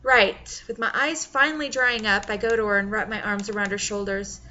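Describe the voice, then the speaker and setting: A woman narrating an audiobook in the first person in a wry, expressive way. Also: mid-range voice, moderate pace, muffled recording, a little hiss or hum.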